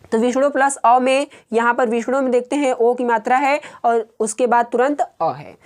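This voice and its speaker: A woman with a slightly high voice teaches grammar at a patient, measured pace. She repeats each rule and pauses often as she walks through the examples. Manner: patient, slow and repetitive, pausing often. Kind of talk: explaining grammar rules step by step.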